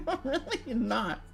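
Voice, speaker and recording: A woman's voice: on the high side, gravelly, breathy edge. A young woman VTuber chatting casually on a livestream, reading chat and swearing freely, with light music behind. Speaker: VTuber streamer.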